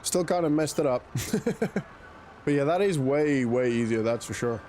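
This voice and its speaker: A South African man whose accent blends South African and British chats casually while streaming a game, thinking aloud and replying to chat. His voice is mid-range and a little mellow, at a moderate pace, with slight hiss or hum in the audio.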